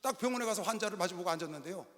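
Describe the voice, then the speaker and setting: A middle-aged man preaching a sermon as pastor, telling stories with animated delivery and sudden bursts of shouting. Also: high-pitched, racing. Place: large arena hall. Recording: long reverb of a large arena hall.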